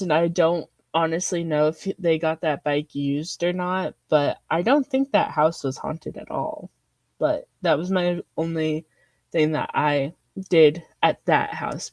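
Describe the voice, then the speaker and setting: A woman's voice: deep voice, darkish tone, no echo. A young woman co-hosting a podcast, chatting casually and telling a story with frequent laughs and filler words. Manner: chatty storyteller, laughs often, says "anywho". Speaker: podcast co-host. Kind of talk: casual chat.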